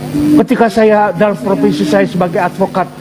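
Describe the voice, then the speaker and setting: High-voiced man earnestly explaining. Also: animated, normal speed. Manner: earnest, hesitant explaining with restarts. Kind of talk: casual argument in voice chat.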